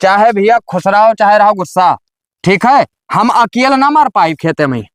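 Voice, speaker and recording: A man's voice: sits high, lively intonation, moderate pace. A man with an Awadhi accent playing an overworked young village man in a comedy skit, grumbling and scolding in dialect. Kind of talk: rustic comedy skit acting.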